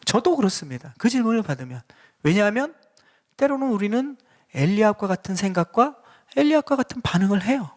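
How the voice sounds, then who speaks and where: A man's voice: high-pitched, very animated, a little fast. A male pastor preaching a sermon in a church and putting questions directly to the congregation. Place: church sanctuary.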